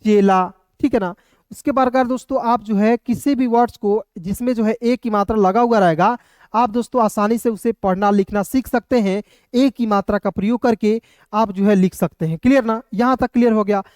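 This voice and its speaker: High-voiced man teaching, quizzing viewers. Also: steady tone, normal speed, a little mellow, dry recording, clean studio sound. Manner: repeats rhetorical questions to viewers. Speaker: English teacher. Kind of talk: casual classroom lesson.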